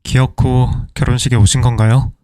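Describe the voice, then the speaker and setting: A man's voice: mid-range voice, level tone, normal speed, darkish tone, no room sound, close to an everyday voice. A man playing a young groom who speaks curtly and coldly dismissive to an older woman. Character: cold, insolent young groom.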